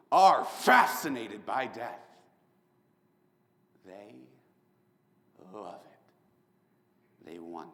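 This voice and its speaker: Guy doing a smirking death row killer, voice jumps all over, big echoey hall. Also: heavily acted. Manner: sardonic, swinging between loud outbursts and low hushed lines. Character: charming young male serial killer on death row, mocking. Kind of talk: competitive prose interpretation. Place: performance room at a speech competition.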